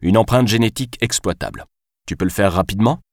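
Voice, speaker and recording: A man's voice: on the low side, fast, dry recording, studio quality, voice pushed up, close to an everyday voice. A male narrator voicing a commanding investigator in a hurry. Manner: firm, commanding.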